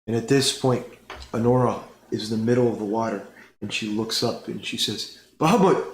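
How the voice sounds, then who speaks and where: A man running a tabletop game, narrating scenes slowly with fillers and pauses. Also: lowish voice, flat delivery. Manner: slow, unhurried storytelling with fillers. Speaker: game master. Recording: roomy with faint noise.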